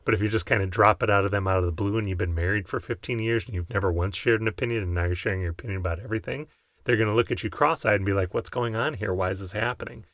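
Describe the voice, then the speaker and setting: A man's voice: on the low side, racing, a bit bright, no room sound. A man with an American accent giving conversational, explanatory advice as a podcast co-host. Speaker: podcast co-host, mental health provider.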